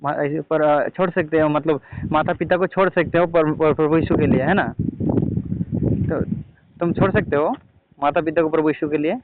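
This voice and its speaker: A man with a higher-pitched voice debates argumentatively over the phone, hammering away with the same questions again and again. He keeps a steady tone at normal speed, broken by long pauses, and the call recording is muffled and noisy.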